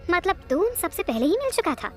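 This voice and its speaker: A woman's voice: very high-pitched, sing-song, brisk, faint music behind, pitched above the performer's own voice. Exasperated young boss, read by a woman. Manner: irritated, incredulous.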